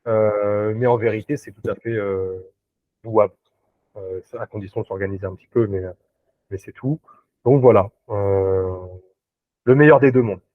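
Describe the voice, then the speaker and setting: A man's voice: on the low side, fairly even intonation, moderate pace, pauses often, dry recording. A man who works as a recruiter, talking as a guest in a casual interview over a video call, hesitant, with many fillers and restarts. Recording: dry tinny video-call audio.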